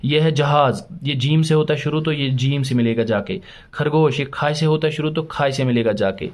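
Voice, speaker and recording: A man teaching a first-grade lesson, spelling words letter by letter and patiently encouraging young pupils. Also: fairly high pitch. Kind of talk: children's alphabet lesson.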